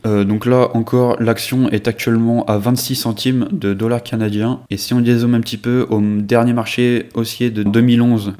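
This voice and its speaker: Guy talking through charts at home, low mellow voice, lots of euh. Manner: hesitant, many fillers and restarts. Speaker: investing video creator. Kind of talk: casual screen-share commentary.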